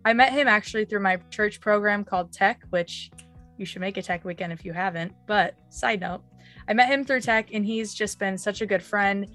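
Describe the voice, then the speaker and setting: A woman hosts a casual podcast, speaking with effusive earnestness, though her voice sounds a little off as she recovers from an illness. It is medium-pitched and fairly bright at a normal speed, with faint music in the background.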